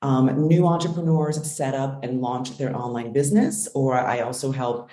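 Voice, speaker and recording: A woman's voice: rumbling low, normal speed, warm tone, roomy sound. A woman business coach answering interview questions earnestly, with frequent ums.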